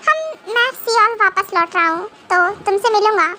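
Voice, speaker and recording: A woman's voice: very high-pitched, moderate pace, pushed and bright, a little hiss or hum. A woman voicing a young man soothing his girlfriend on the phone in a fan audio drama, coaxing and reassuring. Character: young female boyfriend type, soothing and teasing.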